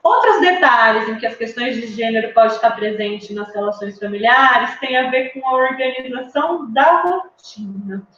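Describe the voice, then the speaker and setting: Woman lecturer, a bit high, patient explainer, recorded in a very roomy space on a dull lo-fi mic. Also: moderate pace, few pauses, fairly bright tone. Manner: explanatory, frequent tag questions, lists of examples. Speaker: psychology lecturer. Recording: very roomy, dull lo-fi sound with faint room noise.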